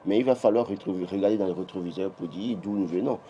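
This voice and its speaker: Fast-talking and low, with a warm tone, a man with a Beninese French accent comments on politics for a morning TV press review. The sound is lo-fi with slight background noise. He's emphatic, restarts frequently, and rises when pressing a point.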